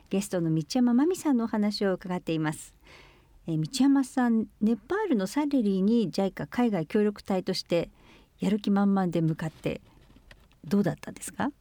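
A woman's voice: mid-range voice, expressive, normal speed, warm tone, dry recording. A woman hosting an interview, asking questions and backing the guest with frequent short replies. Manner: attentive, frequent backchannel. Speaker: radio interview host.

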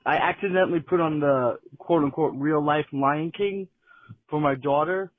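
A man's voice: fairly high pitch, moderate pace, no room sound. A man leaving a long, rambling voicemail for a show, heard over a phone line. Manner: rambling, meandering. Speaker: caller. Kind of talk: casual voicemail.

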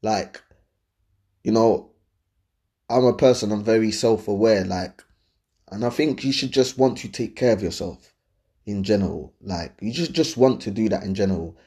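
With a lowish, mellow voice, he speaks at a moderate pace and leaves long pauses. The man, a dating and lifestyle host with a London accent, gives viewers his opinions in a relaxed, slangy way, regularly checking that they follow.

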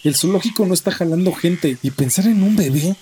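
A man's voice: high-pitched, expressive, fairly quick, dark tone, a little hiss or hum. A man acting a stressed, stubborn zoo owner in an audio drama, earnest and exasperated. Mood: alarmed, exasperated.

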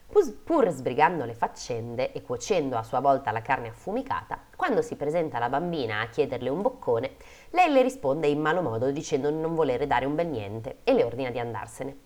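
A woman's voice: a bass voice, very animated, normal speed. A woman hosting a podcast, reading fairy tales aloud and breaking off into playful, jokey asides. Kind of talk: storytelling read-aloud with casual asides.

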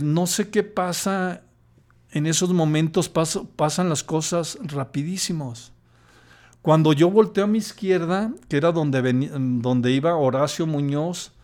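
A man's voice: fairly high pitch, a little mellow. An older man, a podcast guest telling a personal story in a hesitant way, with many restarts.

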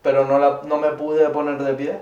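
A man chats in a relaxed way, using slang as he goes. His voice is dark and mellow. He sits back from the mic in an echoey room, and the sound is dull and lo-fi. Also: a little high, normal speed, distant mic. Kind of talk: casual chat.

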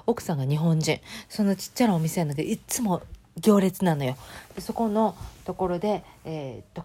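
A woman with a Kansai accent hosting her own channel, chatting casually and telling stories in a lively, conversational way. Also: on the low side. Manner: chatty storytelling, acting out quoted voices. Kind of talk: casual chat.

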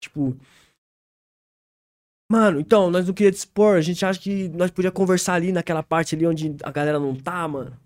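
A man's voice: sits high, brisk, no echo, clean studio sound. Laid-back young slang-heavy paulista man. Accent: São Paulo Brazilian Portuguese. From interior of São Paulo state, Brazil. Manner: laid-back, laughs through the story, acts out other people's lines. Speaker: rapper guest. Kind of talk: casual storytelling, heavy street slang.

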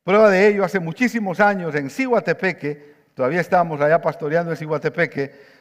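A man's voice: on the high side, brisk. A Honduran man, a pastor, preaching a sermon in a church, telling a personal story and acting out the dialogue. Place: church sanctuary. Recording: long church reverb.

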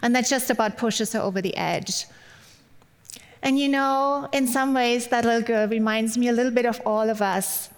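With a fairly high pitch, a steady tone, and a moderate pace, a German-accented woman in middle age delivers a lightly humorous, personal sermon as a visiting speaker at church. A long reverb, as in a hall, surrounds her voice.

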